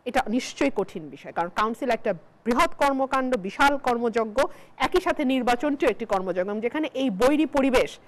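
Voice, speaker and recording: A woman's voice: on the high side, lively intonation, fairly quick, poor audio. A woman barrister from Bangladesh, arguing her case step by step as a panelist on a televised political talk show. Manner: argumentative, lawyerly, builds points with emphasis.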